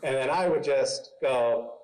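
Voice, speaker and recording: A man's voice: mid-range voice, measured pace, a little mellow, poor audio. A man on a convention panel telling funny stories about his kids, laughing as he goes and acting out the voices. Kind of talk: funny anecdote telling on stage.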